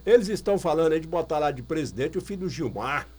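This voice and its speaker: A man's voice: a little high, expressive, fast, a loud crowd. A man from Brazil talking football on the radio as a guest, emphatic and opinionated, repeating his points. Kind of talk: casual radio chat.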